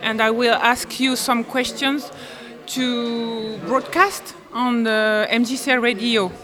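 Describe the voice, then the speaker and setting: Woman interviewer, slightly high voice, halting and simple phrasing. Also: steady tone, crowd noise. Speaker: interviewer, language student. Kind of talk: interviewing for community radio.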